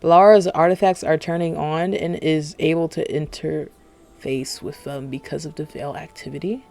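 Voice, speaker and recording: A man's voice: a little high, steady tone, normal speed, gravelly, a little mellow. A man streaming casual reaction commentary, rambling and profane, talking with dental retainers in late at night. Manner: rambling, profane, self-interrupting.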